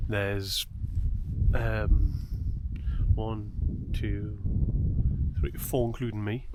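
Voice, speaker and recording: A man's voice: lowish voice, little pitch movement, drawn-out words. A man chatting casually to camera as a solo camping vlogger outdoors, often half muttering to himself as he works. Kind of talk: casual outdoor vlog chat. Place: outdoors on a freezing hilltop at night. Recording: noisy outdoor handheld camera recording.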